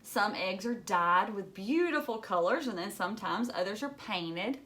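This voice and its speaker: A woman with a mid-range, fairly bright voice reads a children's book aloud at a normal speed, her intonation lively. Like a teacher, she explains things simply and drops in chatty asides to her young listeners.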